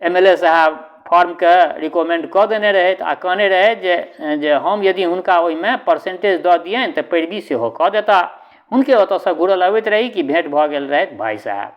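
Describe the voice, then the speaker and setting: A man's voice: high-pitched, moderate pace. Man telling a story, dull recording. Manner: conversational, with asides to the listener. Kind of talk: reading a short story aloud.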